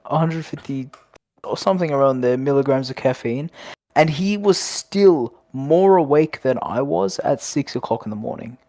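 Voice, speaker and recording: A man's voice: fairly high pitch, a little mellow, dry recording. A young Australian man co-hosting a casual late-night podcast, rambling and joking with frequent laughs. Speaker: podcast co-host.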